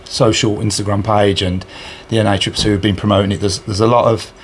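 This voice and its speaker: The interviewer's handheld recorder catches a faint hiss or hum as this charity match organiser speaks quickly in a low-leaning voice with little pitch movement. Standing indoors before a sponsor board, he answers earnestly, full of fillers and restarts.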